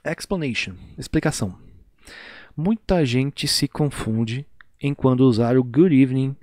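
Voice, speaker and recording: A Brazilian teacher with a mellow, relaxed voice, recorded dry and close with no room sound. He stretches English phrases out slowly and repeats them so his students can copy him. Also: mid-range voice, no echo. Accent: Brazilian Portuguese. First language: Portuguese. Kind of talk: online class teaching.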